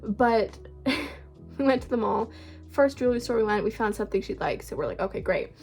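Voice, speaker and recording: A woman talks at home in a loose, rambling way, full of filler words and the odd swear word. Her voice sits a little on the high side. Faint music plays behind her. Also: animated, moderate pace, a little mellow. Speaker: book vlogger. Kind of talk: casual rambling storytime chat.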